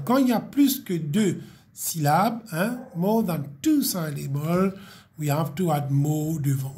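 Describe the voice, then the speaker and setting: A woman's voice: on the low side, warm tone. A woman teaching a grammar lesson to young pupils, patiently repeating each word and checking with "ok?". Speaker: primary school English teacher. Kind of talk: classroom lesson explanation.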